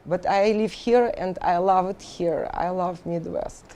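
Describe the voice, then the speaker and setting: A mellow, fairly low, steady-toned voice belongs to a middle-aged woman from Russia who teaches engineering. Answering interview questions in a Russian accent, she halts frequently, with many fillers and restarts.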